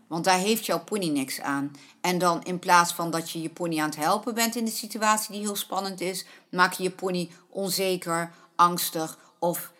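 A middle-aged woman speaks to parents about their children and ponies in a slightly low voice. She is earnest and keeps returning to the same points. Her tone is that of a patient riding coach. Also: moderate pace, few pauses, fairly bright tone. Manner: earnest, repeats points, acts out a panicking child's voice. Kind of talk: spoken advice to parents.

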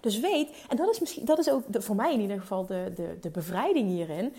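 A woman's voice: mid-range voice, animated, fairly quick, dark tone. A woman coaching entrepreneurs in an emphatic motivational monologue, dropping English phrases into her talk. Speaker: business coach.

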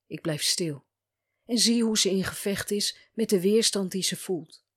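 A woman narrating a first-person story as a coach, speaking calmly and gently and asking probing questions. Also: mid-range voice, a little slow, husky.

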